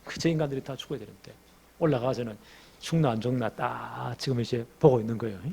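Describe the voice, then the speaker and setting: Gravelly, husky male preacher. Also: medium pitch, fast. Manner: animated storytelling, asks the congregation questions. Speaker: pastor. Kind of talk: expository sermon.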